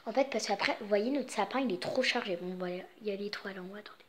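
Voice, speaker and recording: A woman's voice: medium pitch, fast talker, slight background noise. A young woman giving a casual, rambling tour of her home's Christmas decorations, with many fillers. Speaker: vlogger. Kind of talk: casual home tour vlog.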